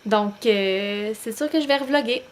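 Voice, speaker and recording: Chatty Québécoise young mom vlogging. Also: female voice, on the high side, slight background noise. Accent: Québécois French. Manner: chatty, many "euh" pauses, relaxed. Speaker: vlogger, new mother. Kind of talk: casual vlog talk to camera. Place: home, bedroom at night.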